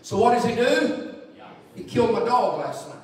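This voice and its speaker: A man's voice: extremely high pitch, sing-song, moderate pace, a little mellow. A middle-aged man preaching as an evangelist, joking through folksy stories and then turning earnest. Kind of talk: sermon with storytelling. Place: church sanctuary. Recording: echoey church from far off.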